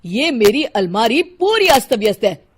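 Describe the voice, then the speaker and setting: A woman's voice: on the high side, sing-song, moderate pace, slightly rough. A woman voicing a grumpy, fault-finding husband in a cartoon story. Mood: complaining. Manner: complaining.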